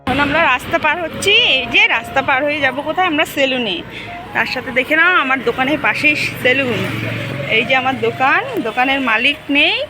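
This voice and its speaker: Woman vlogger in her thirties from Bengal, fast-talking, casual narration over music. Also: sits high, poor audio. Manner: chatty, narrating her chores as she goes. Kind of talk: casual home vlog narration.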